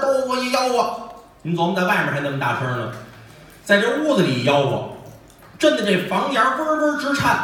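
A man with a Beijing accent telling a comic story on stage in a lively, punchy crosstalk style. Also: sits high, slight background noise. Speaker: comedian. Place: theater stage. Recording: echoey stage audio from far off.

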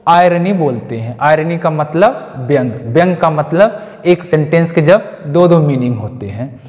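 A man's voice: fairly high pitch, lively intonation, a little slow, darkish tone. A male teacher giving an exam-prep lecture, stretching out key English terms and asking rhetorical questions. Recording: long hall reverb.

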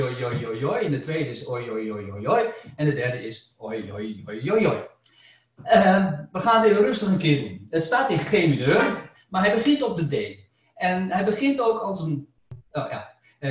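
Man from the Netherlands, klezmer teacher, chatty webinar talk, animated pitch, echoey room, distant from the mic. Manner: chatty and animated, with frequent fillers and asides. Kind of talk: informal spoken lecture.

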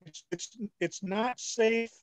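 A man's voice: high-pitched, slow pace, no echo. A man on a video call whose audio breaks up and drops out, hesitant with many fillers. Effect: choppy, breaking-up call audio that drops out. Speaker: video meeting participant. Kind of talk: casual remarks on a video call.

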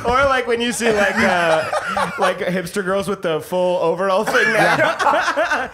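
Originally from India, this man has a high, bouncy voice that rises and falls a lot as he laughs through loose banter. He holds a handheld mic in a small podcast studio, with a clear hiss of noise behind him. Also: animated, takes it slowly. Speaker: podcast guest. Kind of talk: casual chat. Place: orange-walled podcast studio. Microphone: handheld microphone.

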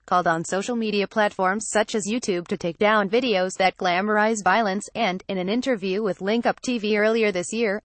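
A woman reading a news article aloud as scripted narration, in an even, flat delivery. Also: mid-range voice, no echo. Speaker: news reader.

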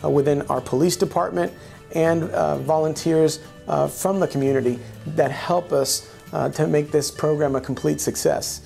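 A man, a police officer, explaining his department's animal program in an interview, speaking in measured phrases with frequent "uh" pauses. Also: fairly high pitch, steady tone, creaky, music in the background. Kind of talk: on-camera interview.

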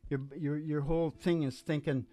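A middle-aged man, host and singer-guitarist of a music podcast, chats in a rambling, casual but emphatic way, repeating phrases and checking in with "you know." His voice is a little high, mellow and fairly even, at a moderate pace, with no echo. He's on a small curtained indoor stage, close to a stand microphone, with acoustic guitar in the background.

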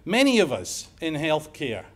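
With a fairly high pitch, huge swings in intonation, and an unhurried delivery, a middle-aged Scottish emergency medicine professor gives his conference lecture. He talks in a lecture room with a Scottish accent, adding wry, humorous asides.

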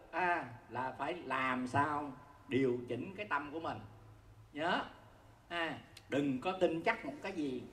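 In a roomy recording with slight background noise, a Buddhist teacher talks conversationally about the dharma to an audience. The voice is medium-pitched and a bit bright, frequently chuckling while explaining and asking whether listeners see the point.

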